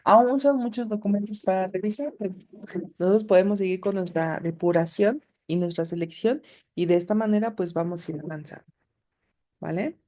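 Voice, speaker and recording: A woman teaches an online class in a soft, mellow voice. She explains patiently, addressing her students directly as she walks them through each step. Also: mid-range voice, normal speed. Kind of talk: recorded class with screen demo.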